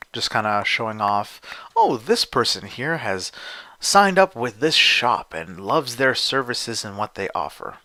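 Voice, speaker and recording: A man's voice: on the low side, sharp tone, no room sound. A young man casually commentating as he builds in a video game, rambling and thinking aloud with frequent fillers. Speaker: gameplay video host.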